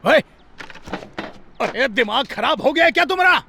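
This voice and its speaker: A high, lively, stammering cop, scolding and bossy. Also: male voice, normal speed, gravelly, background noise, heavily acted. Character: blustering comic male police inspector, bossy and excitable. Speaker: police inspector. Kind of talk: dubbed film dialogue.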